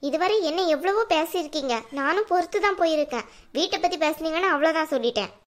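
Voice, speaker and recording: A woman's voice: very high voice, fast. A woman voicing a bold, blunt young daughter-in-law in a cartoon, arguing back defiantly. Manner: defiant, argumentative. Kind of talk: cartoon dubbing.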